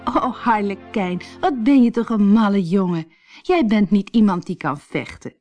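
A woman voicing a gentle, timid young woman in a storybook, in a raised, breathless voice. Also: high-pitched, very animated, normal speed, husky, soft background music, pitched above the performer's own voice, exaggerated voice. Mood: sweet, eager.

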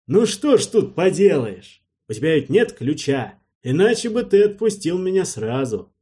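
A man voicing a proud, fierce captive male dragon in an audiobook, booming and exclamatory, with a husky voice. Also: very animated, moderate pace, a little mellow. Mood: excited. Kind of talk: audiobook character voice.

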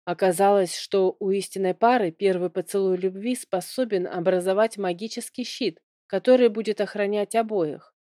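Woman, audiobook narrator, first-person story, measured reading, mellow tone, dry close sound. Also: medium pitch, no echo.

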